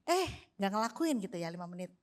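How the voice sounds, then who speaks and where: A woman in her thirties with an Indonesian accent, telling a family story in a church service, animated and laughing often as she acts out what was said. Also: medium pitch, fast. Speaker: church speaker sharing testimony. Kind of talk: casual testimony in a church service.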